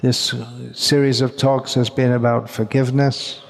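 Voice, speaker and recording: A man giving a measured religious lecture in short phrases, pausing and repeating words while an interpreter follows. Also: medium pitch, little pitch movement. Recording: long hall reverb.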